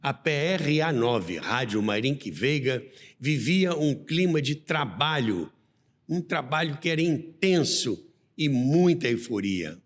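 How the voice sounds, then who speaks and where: A man with a Brazilian accent hosts a radio history show, narrating a scripted documentary slowly in a medium-pitched voice with lively intonation. The recording carries the long reverb of a large hall.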